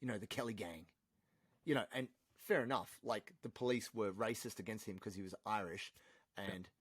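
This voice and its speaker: An Australian man, a podcast guest, chatting casually and telling animated, swear-laced stories. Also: lowish voice, moderate pace, slightly rough, no echo. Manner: animated storyteller, swears freely.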